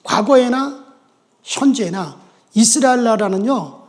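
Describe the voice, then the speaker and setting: Man, pastor, sermon, high voice, folksy and joking, long church reverb. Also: animated, takes it slowly. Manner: folksy, joking with the congregation, then earnest. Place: church sanctuary.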